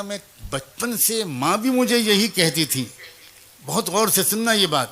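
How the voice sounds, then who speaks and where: A man's voice: high voice, pushed and bright. A man preaching a storytelling sermon, earnestly telling a moral tale and speaking directly to mothers and young people, acting out the people in the story. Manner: acts out the child, teacher and mother in the story.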